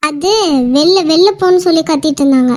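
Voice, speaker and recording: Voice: very high-pitched, fast, a little mellow, dry recording, studio quality. A performer voicing a worried young woman, a pleading younger sister in a cartoon. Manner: anxious, pleading. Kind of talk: cartoon voice acting.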